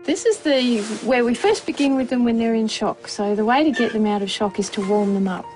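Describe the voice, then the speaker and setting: A woman who runs an animal rescue centre, explaining her work in a relaxed, plainspoken way with many ums and uhs. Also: fairly high pitch, fairly quick, poor audio. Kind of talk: casual explaining in interview. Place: wildlife rescue farm. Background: background music.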